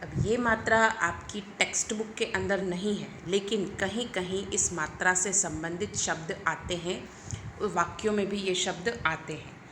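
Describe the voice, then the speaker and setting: A woman teaching young children, slow and patient, spelling out letters and often asking the class to repeat. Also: mid-range voice, steady tone, background noise. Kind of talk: children's Hindi lesson.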